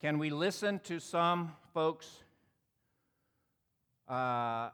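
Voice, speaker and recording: A man's voice: on the high side, very slow, a bit bright, clear, resonant tone, in a large hall. A man telling a personal story in a conversational, sermon-like talk, acting out the voices in it. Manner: reflective, conversational, acts out quoted dialogue.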